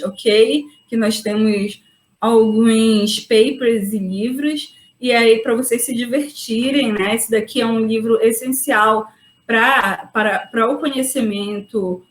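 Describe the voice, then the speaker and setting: A woman geologist talks through a webinar lecture in a somewhat high voice, explaining patiently and tagging questions onto her points. Her voice rings in an echoey room, heard over a video call. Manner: explanatory, frequent "né?" tag questions.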